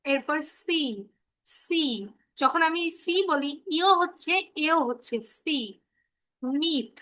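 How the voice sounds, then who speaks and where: Over a video call picked up by her laptop mic, a woman teaches children English phonics in a high-pitched, bright, forceful voice. Calling them "baba" with affection, she patiently makes sure every pupil is following.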